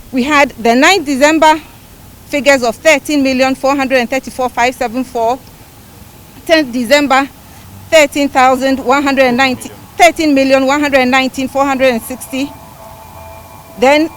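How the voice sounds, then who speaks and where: A woman with a Ghanaian accent giving a press briefing as a party spokesperson, speaking emphatically and deliberately, point by point. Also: high-pitched, slight background noise, poor audio. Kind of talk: press briefing on a court case.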